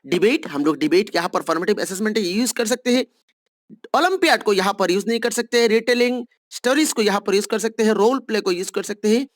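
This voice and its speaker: A woman teacher in an exam-prep lecture, patiently walking through each answer option and reading questions out slowly before explaining them. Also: medium pitch, no echo, studio quality.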